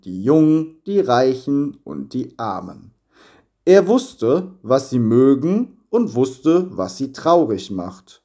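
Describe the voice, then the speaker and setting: A man reading a children's story aloud with expressive, lively storytelling. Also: mid-range voice, breathy edge. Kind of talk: scripted storybook narration.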